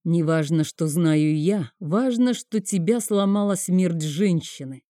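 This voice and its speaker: A woman voicing a calm, scornful older high priest in an audiobook. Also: unhurried, no room sound, clean studio sound, natural voice. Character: high priest, older man, cold and sarcastic.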